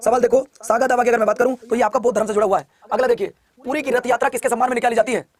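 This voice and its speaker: A man with a strikingly high voice teaches a live online exam class at a breakneck clip. He rattles off each question several times and keeps coaxing his students to answer quickly. His carries a flavor. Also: steady tone. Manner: rapid, repeats questions, coaxes students to answer.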